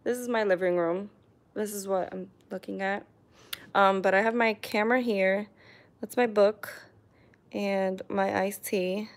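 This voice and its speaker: A young vlogger from New York chats in a relaxed way with her live stream viewers from her living room, reading their comments with frequent ums and laughs. Her middle-range pitch stays fairly even, and she's recorded via a tripod-mounted camera.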